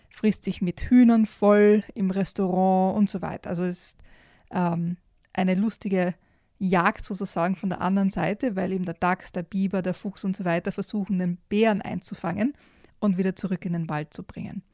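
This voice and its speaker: A woman's voice: medium pitch, fairly even intonation, moderate pace, dark tone, no room sound, studio quality. Enthusiastic woman reviewing children's books. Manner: enthusiastic, with frequent fillers. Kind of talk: casual book chat.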